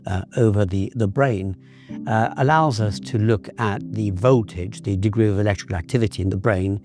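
A male physician explaining a brain test in an interview, measured and technical, with frequent restarts. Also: on the low side. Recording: music playing underneath.

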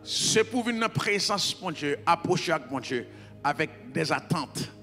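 A man with a Haitian accent preaching a sermon as pastor, mixing Creole into French and calling on the congregation to repeat after him until he is shouting. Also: a little high, animated, moderate pace, in a large hall, faint music behind. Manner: mixes Creole into French, call-and-response, builds to shouting.

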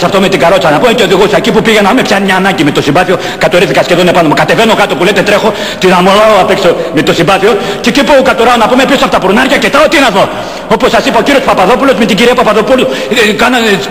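A man's voice: high-pitched, a bit bright. A man voicing a rambling, folksy country witness in a comedy sketch. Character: rustic, rambling potato-truck driver witness. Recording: echoey hall.

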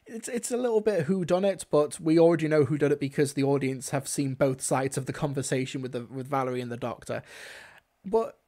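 A man's voice: on the high side, fairly quick, warm tone. A young man hosting a livestream, giving casual review commentary into a close desk microphone at home. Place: small indoor room at home. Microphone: desk microphone close in front.

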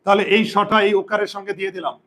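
A man's voice: high-pitched, fairly even intonation, very fast, bright, forceful tone. A man teaching pronunciation, explaining step by step and often asking his students questions. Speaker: Bengali grammar teacher. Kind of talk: whiteboard pronunciation lesson.

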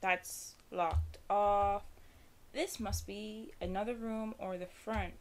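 A woman's voice: mid-range voice, steady tone, slow. A young woman giving casual, self-deprecating commentary while playing a game, chatty and nervous. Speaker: gaming streamer. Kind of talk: casual let's-play commentary.

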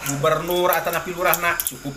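A man's voice: a little high, steady tone, fairly quick, bright, forceful tone, slight background noise. A man voicing a pious older uncle in a puppet comedy, moralizing and handing out blessings and advice. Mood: lecturing. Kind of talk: Sundanese puppet-show comedy. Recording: echoey room, faint ambience.

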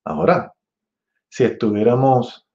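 A man's voice: medium pitch, lively intonation, unhurried, mellow, muffled recording. A man in his fifties giving a music master class, chatty and digressive, scat-singing rhythm syllables to show phrasing. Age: 50s.

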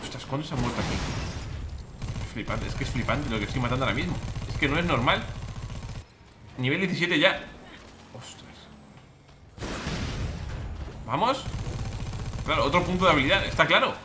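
A man with a Spain Spanish accent doing let's play commentary as a gaming YouTuber, excitable and exclamatory, often repeating his words. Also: a little high, a little fast, pauses often, background noise.

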